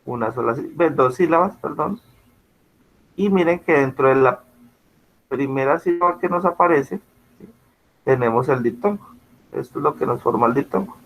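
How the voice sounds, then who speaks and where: A man's voice: a little high, lively intonation, normal speed, long pauses. Patient male teacher on a muffled video call. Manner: patient, explanatory, checks understanding with frequent "¿sí?". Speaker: school teacher. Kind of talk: online class lecture.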